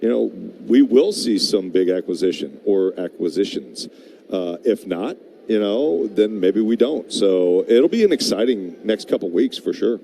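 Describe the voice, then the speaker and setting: This American man chats through live baseball color commentary, emphatic and conversational as he analyzes and jokes. His fairly low, dark-toned voice is animated yet unhurried, with a little hiss or hum in the audio.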